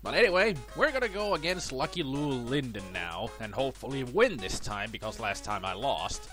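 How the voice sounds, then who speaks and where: At normal speed, with music in the background, a man with a cold chats about his own boxing gameplay in a self-deprecating way. The let's play gamer's voice is a bit worn, casual, and full of lively pitch swings.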